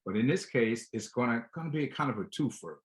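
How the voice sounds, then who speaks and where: A show host with a mid-range, expressive voice talks a little fast as he introduces his talk show and interviews a guest. He speaks conversationally, addressing both listeners and guest directly.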